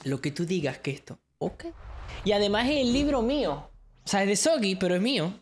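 A man's voice: high-pitched, very animated, brisk, slight background noise. A young man streaming a shooter game live, chatting loosely with his viewers, joking, laughing often and tossing in English slang. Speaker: gaming streamer. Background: game sounds and clicks.

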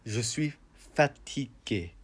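A man who vlogs to teach a language, talking slowly and simply for beginners in a deliberate, tired, deadpan way. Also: medium pitch, husky. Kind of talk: slow, simple speech for beginners.

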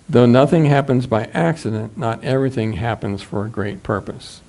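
A man in his sixties, a pastor with a Midwestern American accent, preaches in a small church sanctuary. His voice is warm and mellow, at a middle pitch. He talks in a measured, steady way and picked up by a room mic. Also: gravelly. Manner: measured, reads scripture aloud from a booklet. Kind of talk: sermon.

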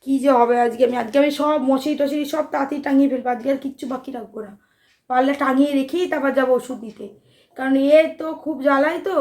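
A woman's voice: high voice, darkish tone. A young mother and vlogger chatting casually at home, tired from lack of sleep, rambling and fretful with many restarts. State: sleep-deprived. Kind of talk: casual home vlog chat.

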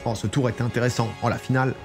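Racing along in a flat, medium-pitched voice, a man streams himself playing a strategy game, chatting casually and reading game text out loud. Faint music sits behind his let's-play commentary.

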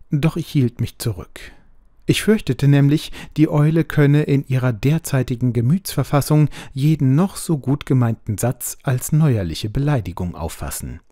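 A man with a mid-range voice reads a ghost story aloud as an audiobook narrator, measured and expressive in his scripted storytelling. The studio-quality recording has no echo.

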